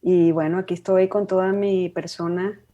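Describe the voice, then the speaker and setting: A woman in her fifties with a Venezuelan accent, a psychologist speaking as an interview guest in a warm, heartfelt way. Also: lowish voice, level tone, moderate pace, dull audio. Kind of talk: interview conversation.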